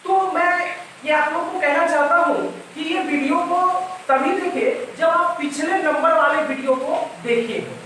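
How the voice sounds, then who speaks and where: Unhurried yet bright and forceful, a male English teacher with a very high voice runs a classroom-style grammar lesson, repeating points and answering questions he asks himself. The very echoey room, distant mic, and slight hiss or hum shape the sound.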